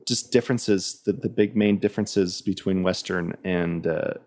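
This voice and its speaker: A man with a very low voice and a gravelly, fried texture talks casually as a podcast guest. He rambles, restarts his sentences and fills his speech with "like" and "um" as he explains things. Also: normal speed, a little mellow. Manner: rambling, many restarts and "like" fillers.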